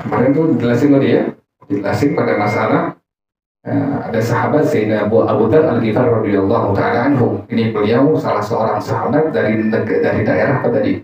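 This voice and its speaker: A man's voice: fairly low pitch, darkish tone. A man teaching an informal religious study class, joking and quizzing his audience with questions. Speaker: Islamic teacher. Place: gathering room with an audience. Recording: echoey room, distant, dull mic.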